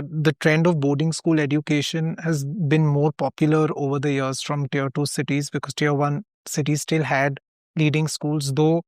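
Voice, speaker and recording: A man's voice: fairly high pitch, dry recording. A man with an Indian accent asks questions as an interview host. His delivery is conversational and quite level in melody. The recording is dry, with hardly any room sound.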